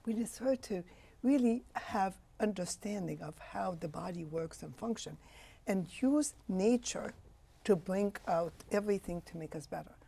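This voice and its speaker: This Egyptian physician in her sixties has a medium-pitched voice that is creaky, dark and slightly rough. As an interview guest, she answers questions passionately and emphatically.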